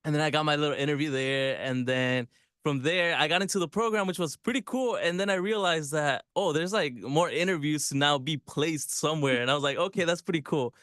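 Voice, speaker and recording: A young man from Mexico City talks as a guest on a radio show. He tells his story in a relaxed, filler-heavy way, in a slightly high voice with a dry, close sound. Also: fairly quick, clean tone, no echo. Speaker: guest, program fellow. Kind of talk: casual interview.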